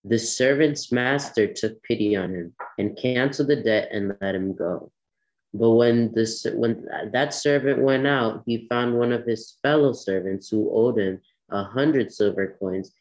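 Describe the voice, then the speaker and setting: Low-voiced man reading scripture. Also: darkish tone. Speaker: scripture reader. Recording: dull lo-fi recording.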